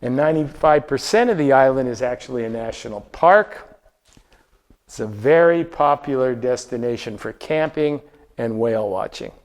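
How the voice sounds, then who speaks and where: A man's voice: mid-range voice, lively intonation, moderate pace. A man presenting a slideshow travel talk to a live audience, conversational, asking the room questions and often restarting his sentences.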